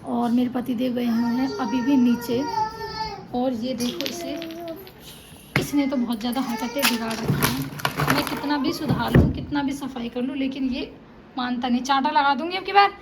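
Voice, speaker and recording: A woman's voice: on the high side, fairly even intonation, normal speed. A tired young woman chatting in a casual home vlog, talking indoors with children playing and crying nearby. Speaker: vlogger. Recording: noisy home recording.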